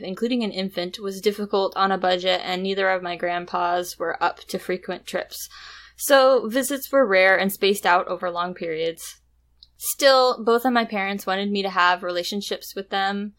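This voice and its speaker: A woman co-hosting a podcast, reading a story aloud in a steady storytelling way between casual chat. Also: mid-range voice. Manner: steady storytelling read with light laughs. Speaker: podcast co-host.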